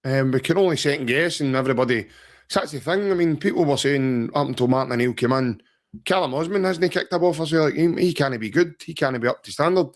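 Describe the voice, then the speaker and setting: A fast-talking Scottish man with a fairly high voice co-hosts a football podcast. His banter is joking and rambling, peppered with "mate" and "aye."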